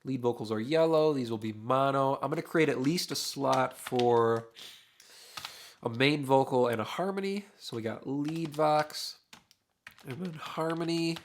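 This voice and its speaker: Working in a home studio with drums behind him, a young mixing engineer narrates a casual screen-recorded tutorial at a measured pace and medium pitch. His voice is a little worn because he is losing it, and he stays relaxed, thinking aloud with many uhs. A faint hiss or hum runs under the audio.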